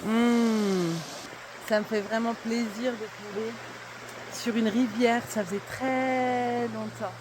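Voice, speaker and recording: A woman's voice: a little high, fairly even intonation, noisy background. Chatty woman vlogging outdoors on a trail. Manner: chatty, upbeat, many filler pauses. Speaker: vlogger walking a pilgrimage. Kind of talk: casual vlog chat while walking.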